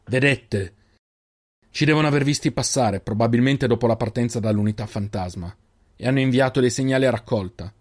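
A man voicing an old male keeper who leads the group, calm and commanding. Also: medium pitch, brisk, close to an everyday voice. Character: old male keeper, steady caring leader.

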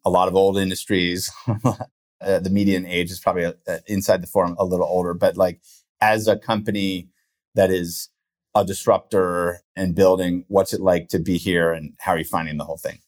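A man hosting a podcast interview, easygoing and full of casual fillers. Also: low voice. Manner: easygoing, lots of "like" and "you know". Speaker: podcast host.

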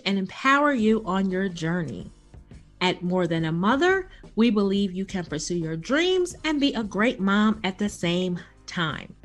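A woman's voice: mid-range voice, a bit bright. Woman host reading a polished intro. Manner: polished, upbeat read-from-script delivery. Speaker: podcast host. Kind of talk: scripted podcast intro.

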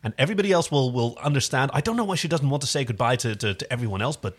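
A man co-hosting a podcast, chatting casually about a TV series, talkative and quick to laugh. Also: mid-range voice, animated, husky. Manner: chatty, hesitant restarts, laughs easily. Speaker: podcast co-host. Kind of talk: casual chat reviewing a TV series.

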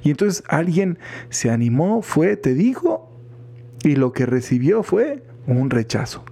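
A priest with a Mexican accent giving a chatty, informal reflection on the gospel, often laughing and acting out what people say. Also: male voice, fairly high pitch, sing-song, unhurried, gravelly, mellow, breathy edge. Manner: chatty, laughs often, acts out quoted voices. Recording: podcast voice recording.

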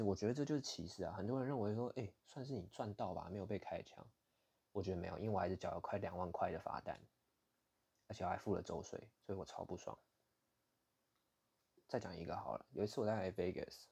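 Host, Taiwanese man with a Taiwanese Mandarin accent, deep husky voice, candid storytelling with a blunt, indignant edge. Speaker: podcast host. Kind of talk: casual storytelling monologue.

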